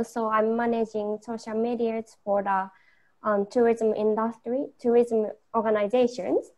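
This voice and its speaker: A Japanese woman introducing herself modestly in English on a casual online panel. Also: on the high side. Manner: modest, hesitant.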